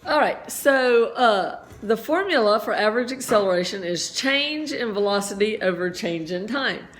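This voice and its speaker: A middle-aged woman teaching physics at a steady middle pitch, walking through each problem step by step. She talks in a chatty way and makes little asides. Now and then she coughs a bit. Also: normal speed. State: slight cough. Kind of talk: homeschool physics lesson.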